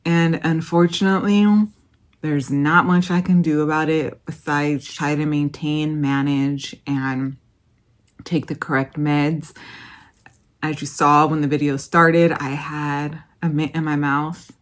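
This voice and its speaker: A woman with a low voice talks to camera in a casual vlog. She speaks slowly and softly, tired and halting. Her phrases trail off into long pauses. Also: flat delivery. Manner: slow, soft, tired and halting. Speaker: vlogger.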